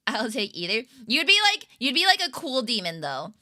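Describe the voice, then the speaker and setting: A young woman streamer chats casually with her viewers, rambling, giggling, and using plenty of fillers. Her voice is a little high, very animated and bright, with a forceful tone at a normal speed.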